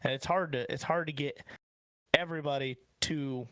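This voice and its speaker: A man's voice: fairly high pitch, normal speed, fairly bright tone, no room sound. A man in his thirties with a Midwestern American accent, co-hosting a podcast in rambling, casual chat that swears freely. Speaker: podcast co-host.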